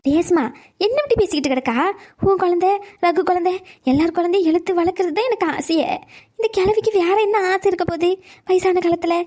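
A chattering cartoon granny. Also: female voice, extremely high pitch, a little fast, darkish tone. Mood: coaxing. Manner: scolding gossip turning to coaxing pleas. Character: talkative elderly grandmother, fussing and doting. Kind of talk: cartoon voice acting.

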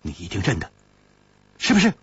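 A man voicing a proud, sharp-tongued young swordswoman, speaking in a soft, low, teasing way. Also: wildly swooping pitch, a little fast, slightly rough, dry recording, full character voice. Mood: probing. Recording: dull lo-fi recording.

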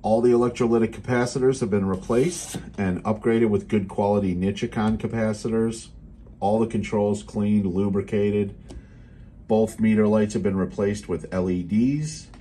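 An American man with a low, relaxed voice demonstrates a restored CB radio he is selling, speaking in a halting, matter-of-fact, unscripted way. He sits at a radio bench indoors, and the handheld camera mic picks up a noisy room, so the recording is slightly noisy.

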